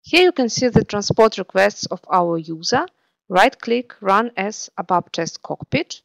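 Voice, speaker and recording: A woman narrating a software screencast tutorial in a steady instructional way. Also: medium pitch, a little slow, gravelly, no echo, low-quality recording.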